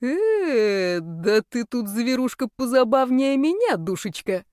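A woman's voice: on the high side, very animated, takes it slowly, darkish tone, no room sound, clean studio sound, voice pushed up. Woman doing a brash teasing young naga guy. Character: cheeky young male naga student, mocking.

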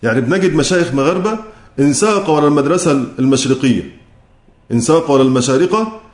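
A man with an Egyptian accent teaches the rules of Quran recitation. His voice sits a little high, and it echoes in the room. He poses questions, answers them himself, and slows down to chant each quoted verse. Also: expressive. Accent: Egyptian Arabic.

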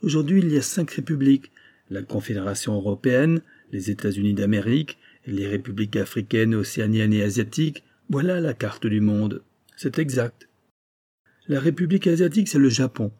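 A man voicing a proud doctor in a storybook reading, speaking in a raised, insistent register. He lectures with swelling emphasis and thinly veiled threat. The tone stays mellow and slightly husky underneath. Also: on the high side, expressive, moderate pace, voice pushed up. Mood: lecturing. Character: proud, threatening Japanese male doctor, middle-aged.

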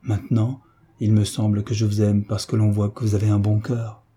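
A man's voice: lowish voice, completely flat delivery, normal speed, husky. A man voicing a gracious young duchess. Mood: tender. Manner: gentle, affectionate questioning.

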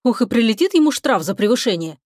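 A woman's voice: fairly high pitch, very animated, fast talker, darkish tone, no room sound, clean studio sound. A woman voicing a terse, strict male starship captain who gives clipped commands in an audiobook. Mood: tense.

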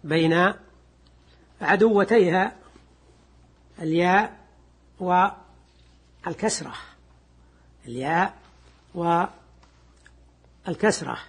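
An older man teaching a classical Arabic grammar lesson with a husky voice, measured and repeating key words, reading quoted text slowly. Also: high-pitched.

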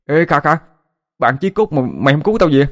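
A man's voice: mid-range voice, animated, quick pace, voice pushed up, close to an everyday voice. A man voicing a jumpy, easily spooked young male student, talking in an exasperated, protesting way. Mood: pleading. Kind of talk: audiobook character voice.

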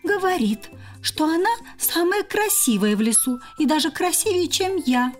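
Woman voicing a young female squirrel, very high, shrill, squabbling. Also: lively intonation, moderate pace, faint music behind. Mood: indignant. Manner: shrill, quarrelsome squeals.

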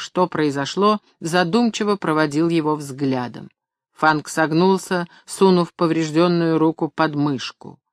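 A man reading a novel aloud in an even, measured storytelling voice. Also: fairly high pitch, no room sound, studio quality. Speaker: audiobook narrator. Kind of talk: scripted narration.

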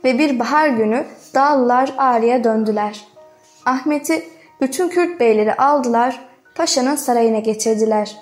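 A woman narrating a literary novel as an audiobook, reading in a measured, dramatic way. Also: a little high, soft background music.

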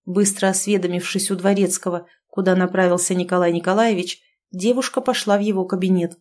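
A woman narrating a novel in an even, expressive audiobook reading. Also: lowish voice, fairly quick.

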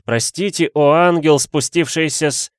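A man's voice: medium pitch, expressive, moderate pace, dry recording, clean studio sound, voice pushed up, close to an everyday voice. A man doing a fawning gallant detective. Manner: florid, fawning, theatrical. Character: fawning flowery male police detective, shameless gallant. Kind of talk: audiobook character voice.

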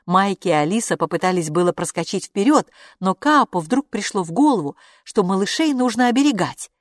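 Woman narrating a lively children's story. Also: mid-range voice, a little fast, no echo, clean studio sound. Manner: expressive storytelling. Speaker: audiobook reader.

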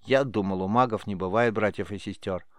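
A man's voice: lowish voice, fairly quick, dry recording, studio quality, close to an everyday voice. A man voicing a cocky, cynical young thief boy who talks in a streetwise, boastful way. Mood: curious.

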